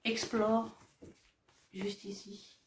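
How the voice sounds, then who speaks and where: A woman vlogger casually showing off her craft shopping haul, chatty and hesitant, often pausing on fillers as she describes each item. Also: medium pitch, level tone, recorded from a distance, noisy background. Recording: echoey room, voice off-mic.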